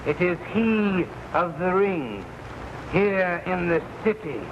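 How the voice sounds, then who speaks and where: Villain boss: high voice, unhurried formal delivery, scheming; muffled 1950s TV broadcast sound. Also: male voice, animated, full character voice. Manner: formal, slow and deliberate. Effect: noisy, dull 1950s TV broadcast recording. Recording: hissy, muffled old TV soundtrack.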